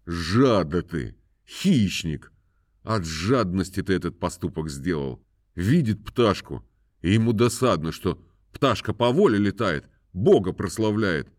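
A man's voice: low-pitched, expressive, a little slow, no room sound, clean studio sound. A man voicing a pompous country landowner who scolds and moralizes at length. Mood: moralizing. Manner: moralizing, scolding, sing-song.

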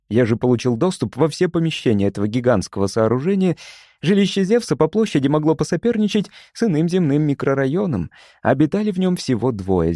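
Male narrator, scripted storytelling: mellow and animated, dry close sound. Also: mid-range voice, no echo. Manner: expressive, measured storytelling. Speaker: audiobook narrator.

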